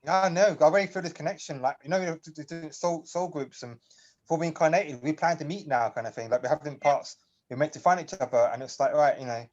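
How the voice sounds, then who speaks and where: A man's voice: a little high, fast talker, a little mellow. Rambling man on a dull lo-fi call. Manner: rambling, emotional, laughs often. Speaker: guest on a community video call. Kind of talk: casual chat.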